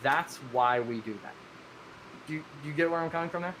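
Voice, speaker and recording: A man's voice: on the high side, brisk, a bit bright. Earnest rambling man, faint hiss. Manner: earnest, rambling, self-correcting with many restarts. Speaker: game server owner. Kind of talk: live-streamed discussion.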